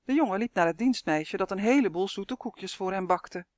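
A woman reading her own children's fairy tale aloud, with clear, lively storytelling and voiced characters. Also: medium pitch, moderate pace, no echo, studio quality.

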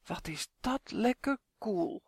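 A woman reading her own rhyming children's story aloud in a lively sing-song storytelling manner. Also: mid-range voice, slow pace, slightly rough, dry recording, studio quality. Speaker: author and reader. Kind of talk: storybook narration.

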